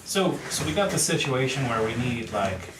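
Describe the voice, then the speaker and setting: A man with a medium-pitched voice chats as a tabletop game player. His phrasing is casual and hesitant. The room is echoey and clearly noisy. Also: lively intonation, normal speed. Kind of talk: casual chat.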